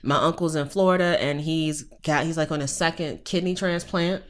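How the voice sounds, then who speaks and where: A woman in her thirties with a low-pitched voice speaks as a guest on a podcast interview. She tells her story candidly and emphatically, swearing freely and building to forceful rhetorical questions. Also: steady tone, normal speed. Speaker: professor guest.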